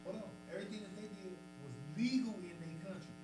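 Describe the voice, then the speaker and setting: A man with a high voice pushes his points in a casual group debate. He is insistent, swears freely and repeats himself. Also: fast talker, mellow, a little hiss or hum, low-quality recording.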